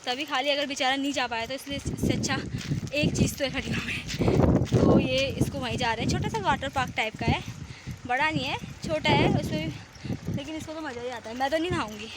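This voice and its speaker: A young woman speaks, telling her day in a chatty, rambling vlog. Her voice sits a little high. The phone recording is noisy. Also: fairly quick. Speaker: vlogger. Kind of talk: casual vlog narration. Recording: noisy outdoor phone audio.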